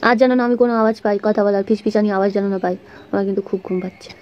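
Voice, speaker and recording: A woman's voice: mid-range voice, fairly even intonation, rapid-fire, darkish tone, lo-fi sound, close to an everyday voice. A young woman plays a sleepy, irritated sister who nags her sibling to stop whispering in a comedy skit. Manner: irritated, nagging complaints. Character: grumpy sleepy sister kept awake by whispering.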